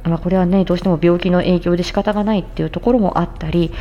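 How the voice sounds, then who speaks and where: Talking very fast in a lowish voice with fairly even intonation, a speech-language therapist who hosts a podcast gives listeners a plain-spoken explanation of a health topic. The sound is lo-fi.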